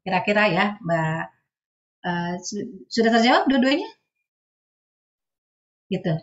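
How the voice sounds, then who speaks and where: A woman giving a webinar talk as a guest speaker on counseling. She explains patiently and often adds soft tag phrases at the ends of her sentences. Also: medium pitch, sing-song, takes it slowly, highs cut off.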